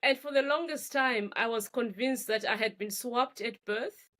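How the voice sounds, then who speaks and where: Lively, laughing woman author. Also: on the high side, normal speed. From Zimbabwe. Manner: animated, laughs often, repeats words while thinking. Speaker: author guest. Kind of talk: casual interview conversation.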